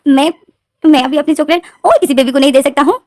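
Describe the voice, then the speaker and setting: A woman's voice: sits high, steady tone, fast, warm tone, dry recording, studio quality, voice pushed up, close to an everyday voice. A woman voicing a whiny man-child husband. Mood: tearful. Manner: whining, crying protest.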